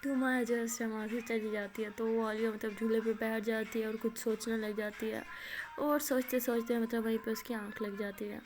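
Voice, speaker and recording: A woman's voice: a little high, little pitch movement, normal speed, noisy background. A woman narrating a love story in casual talk, chatty and full of filler words.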